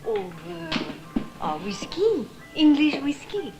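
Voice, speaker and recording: An actress playing a flirtatious, teasing singer who talks coyly. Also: female voice, high-pitched, wildly swooping pitch, slow, creaky, heavily acted. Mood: flirty. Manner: coquettish, teasing. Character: flirtatious singer, coy and playful. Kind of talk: film acting. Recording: film soundtrack with music.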